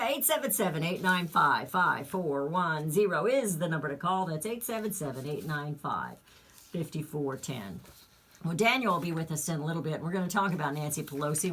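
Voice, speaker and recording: A woman's voice: sits low, a bit bright, a little hiss or hum. A woman hosting a talk radio show, delivering an indignant, emphatic monologue with rambling asides.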